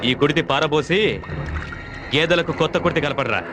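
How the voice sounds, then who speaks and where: A man's voice: on the high side, fairly even intonation, brisk, heavy background noise. A man playing a blustering, menacing local strongman in a comedy scene.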